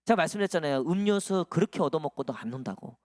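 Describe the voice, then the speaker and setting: A man's voice: on the high side, animated, racing, darkish tone, no echo, clean studio sound. A male pastor delivering a sermon in a conversational, storytelling way to his congregation. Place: church sanctuary.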